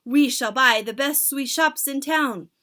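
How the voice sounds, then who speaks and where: A woman's voice: high voice, measured pace, pushed and bright, pitched above the performer's own voice. A woman voicing a crowd of eager female witches who squeal in fawning delight.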